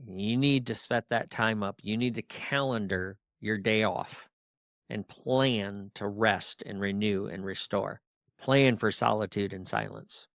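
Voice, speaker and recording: A man's voice: fairly low pitch, fairly bright tone, no echo, clean studio sound. A middle-aged man hosting a podcast, coaching ministry leaders in a firm, exhorting drill-sergeant tone, firing off rhetorical questions. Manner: rapid-fire rhetorical questions. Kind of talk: podcast monologue.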